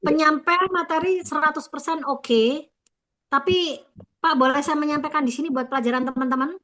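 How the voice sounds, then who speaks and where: A woman trainer leads an online sales coaching session with a high voice. Her tone is bright and ringing. She talks with lively energy, heaping praise on her team as she coaches. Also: moderate pace.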